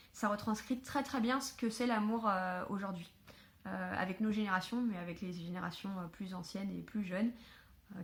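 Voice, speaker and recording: A woman chatting casually to camera at home about books she was given, filling pauses with hesitations. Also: medium pitch. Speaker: book vlogger. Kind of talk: casual book haul chat.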